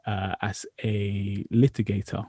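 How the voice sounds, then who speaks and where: A man in his twenties hosting a casual podcast chat, relaxed and easygoing, with frequent ums. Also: on the low side, unhurried, no room sound. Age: 20s. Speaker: podcast host.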